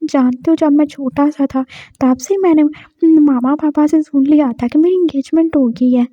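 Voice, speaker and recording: A woman voicing a timid, tearful young man who pleads softly and anxiously. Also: sits high, fairly even intonation, moderate pace, dry recording, highs cut off, lightly acted. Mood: pleading.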